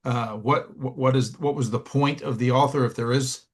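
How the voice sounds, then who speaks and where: A man of middle pitch, a church elder visiting as a guest on a casual podcast. He speaks in a measured way and gives advice. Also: fairly even intonation, slightly rough. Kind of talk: casual chat.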